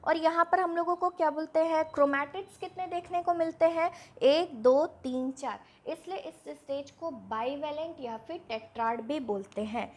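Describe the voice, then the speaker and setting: A woman's voice: sits high, moderate pace, hardly any pauses, darkish tone. A woman teaching a biology lesson step by step, posing questions to her students and answering them herself. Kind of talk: online exam-prep lesson.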